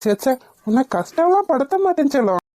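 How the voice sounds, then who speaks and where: Cartoon role: woman doing a lovestruck young guy, teasing, soft and fairly high. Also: very animated, a little fast, no echo, clean studio sound. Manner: teasing, affectionate. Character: lovestruck young man, playful. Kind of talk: cartoon voice acting.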